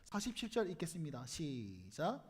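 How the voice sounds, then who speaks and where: Male pastor, Gyeongsang accent, animated sermon with a lively, swooping delivery. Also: fairly high pitch, normal speed, breathy edge. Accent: Gyeongsang Korean. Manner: animated storytelling, acts out crowd voices, jokes with congregation. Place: church sanctuary.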